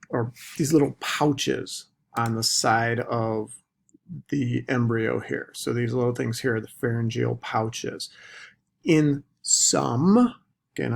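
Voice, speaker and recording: A man teaching a recorded biology lecture, deliberately stressing the key terms. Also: mid-range voice, vocal fry, a little mellow. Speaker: biology instructor.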